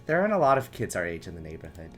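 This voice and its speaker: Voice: low-pitched, huge pitch swings, racing, fairly bright tone, faint music behind, exaggerated voice. A streamer voicing an eager friendly boy. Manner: cheerful, trying to stay friendly. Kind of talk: voicing a character in a story game.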